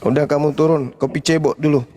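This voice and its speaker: A man's voice: fairly high pitch, fairly even intonation, a little fast, dark tone. A man arguing hard in a live debate, combative and mocking, his voice rising when pressed.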